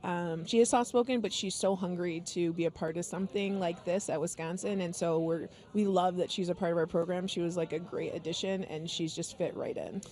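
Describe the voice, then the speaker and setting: A woman's voice: fairly low pitch, brisk, few pauses, a little mellow. Woman coach, middle-aged, chatty and joking, loose filler-laden talk. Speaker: head basketball coach. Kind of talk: casual interview chat.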